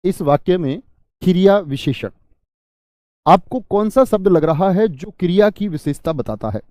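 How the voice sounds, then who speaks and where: A man teaches Hindi grammar to an online exam-prep class in a slightly high, mellow voice. The sound is dry and close, with no room echo. He explains slowly, repeats the key terms, and asks questions that he answers himself. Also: lively intonation.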